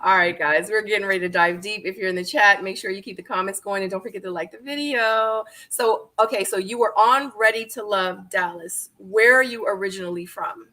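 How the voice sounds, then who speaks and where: A Korean-born woman in her forties hosts a casual online interview show on YouTube, speaking directly to viewers in a chatty, upbeat way. Her medium-pitched voice is pushed and bright, fairly quick with few pauses.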